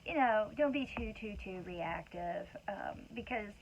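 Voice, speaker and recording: A woman's voice: medium pitch, lively intonation, unhurried. A woman and mother speaking in a casual, rambling motivational talk full of conversational asides. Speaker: wellness talk host. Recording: dull lo-fi sound with faint background noise.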